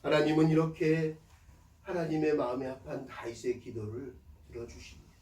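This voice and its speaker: A male pastor preaching a sermon with call-and-response, swelling loud on key lines and dropping soft again. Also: fairly high pitch, normal speed, reverberant, recorded from a distance, rough recording. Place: church sanctuary.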